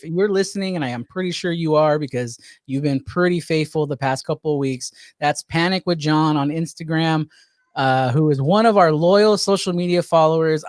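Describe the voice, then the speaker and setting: A man's voice: on the high side, no room sound, clean studio sound. A man co-hosting a podcast in casual chat, easygoing and chatty, laughing often. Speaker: podcast co-host.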